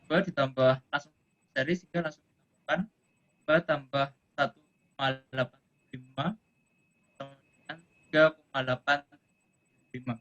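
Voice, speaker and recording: A man's voice: medium pitch, fairly even intonation, moderate pace, pauses often, a bit bright, low-quality recording. A man, a student, working through circuit calculations aloud in an online class, hesitating and correcting himself, his voice choppy and faint as the call audio breaks up. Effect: choppy, faint audio breaking up over an online call. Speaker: student presenting homework.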